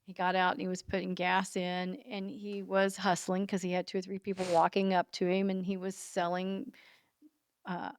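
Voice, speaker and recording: A woman's voice: fairly low pitch, monotone, moderate pace, clear, resonant tone, dry recording. Heartfelt woman podcast host. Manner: heartfelt, emotional storytelling. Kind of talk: conversational podcast interview.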